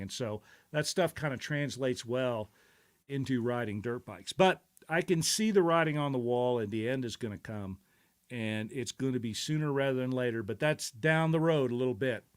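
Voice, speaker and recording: A man's voice: medium pitch, normal speed. A middle-aged man hosting a casual live stream, talking in a rambling, reflective way with many fillers and restarts. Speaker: show host.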